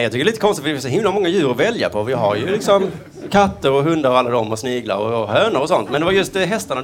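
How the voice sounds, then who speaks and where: A man doing a stand-up routine, telling absurd deadpan jokes and slipping into quick voiced asides. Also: medium pitch. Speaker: stand-up comedian. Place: comedy stage before a live audience. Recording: stage mic with loud audience laughter.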